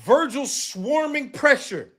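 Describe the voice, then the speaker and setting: The speaker is a man hosting a live stream about boxing, with an extremely high pitch and an expressive, slow delivery. He talks casually yet forcefully, repeats himself, swears, and bursts out shouting.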